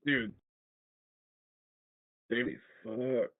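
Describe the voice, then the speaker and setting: A man's voice: mid-range voice, steady tone, extremely slow, creaky. Giggly, swearing man on a tinny call. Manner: giggly, swears a lot, exclaims. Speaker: crypto trader in group call. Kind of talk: excited casual chat.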